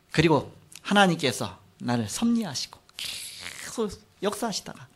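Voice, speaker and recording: A middle-aged man preaching a sermon, telling a personal testimony in an animated storytelling way. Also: on the high side. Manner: animated storytelling, acts out quotes, frequent trailing "like this". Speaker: pastor.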